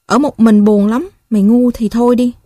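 A cocky young street boy with a Southern Vietnamese accent, as a woman reads him, bossing and bragging in blunt slang. The voice sits a little high and sounds mellow and dry. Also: steady tone, normal speed, dry recording, close to an everyday voice. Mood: bossy. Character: scrappy, boastful young male street kid.

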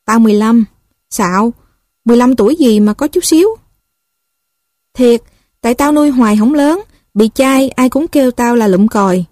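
A woman's voice: a little high, moderate pace, long pauses, darkish tone, no echo, studio quality, natural voice. A woman with a Southern Vietnamese accent voicing a scrappy, boastful young male street kid who talks in bossy slang.

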